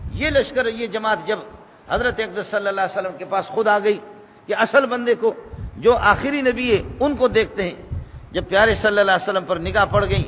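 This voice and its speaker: A man preaching with a fairly high voice, carried by a long reverb that sounds like a large hall or mosque. He tells humorous stories and repeats phrases again and again for emphasis. Faint noise hums behind him. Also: fairly bright tone. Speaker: religious preacher. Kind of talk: sermon with humorous storytelling.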